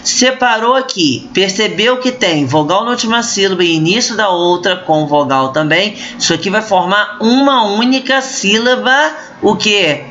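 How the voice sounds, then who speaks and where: A woman's voice: medium pitch, expressive, normal speed, few pauses, fairly bright tone, a little hiss or hum. A woman with a Brazilian accent explains a literature lesson to her students in a recorded online class, often checking in with them as she goes. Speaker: literature teacher. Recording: muffled lo-fi recording.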